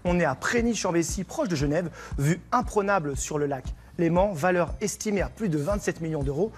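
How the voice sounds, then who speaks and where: A man working as a TV reporter, presenting a lively news report in a conversational way that builds suspense. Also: high voice, fairly quick, slight background noise. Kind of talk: lively spoken report to studio.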